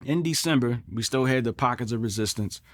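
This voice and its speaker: A man's voice: medium pitch, brisk. A middle-aged man, a combat veteran, giving a personal interview recollection in a reflective, earnest way, repeating phrases for emphasis.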